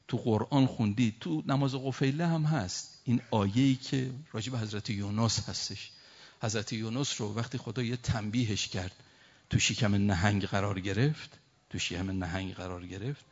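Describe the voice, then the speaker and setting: A low-voiced man delivering a religious sermon. He slows down to recite verses, then explains them with feeling. The recording is dull and lo-fi. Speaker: preacher.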